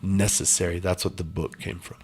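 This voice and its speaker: A man telling his life story in an earnest, intense way, dropping quiet and then rising loud. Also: low-pitched, flat delivery, brisk, breathy edge. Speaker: interview guest. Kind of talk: emotional storytelling.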